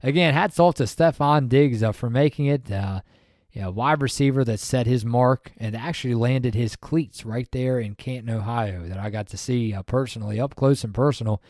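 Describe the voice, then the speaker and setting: A man co-hosting a podcast in casual sports chat, talking in an animated, rambling way with many fillers and restarts. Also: medium pitch, moderate pace, no room sound, studio quality. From Maryland, USA. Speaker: podcast co-host.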